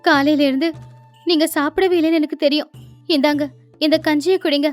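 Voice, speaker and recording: A caring, steady young village wife, played by a woman in a storybook cartoon. She soothes and consoles in a high voice. Faint music plays beneath her. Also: a little fast, lightly acted. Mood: consoling.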